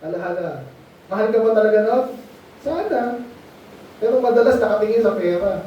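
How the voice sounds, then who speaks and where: Speaking quickly in a high-pitched voice, a man gives children a conversational Bible lesson sermon in Tagalog, breaking off often to ask them questions. The setting is a mission meeting space; expect muffled, echoey audio from a distant mic plus a little hiss or hum.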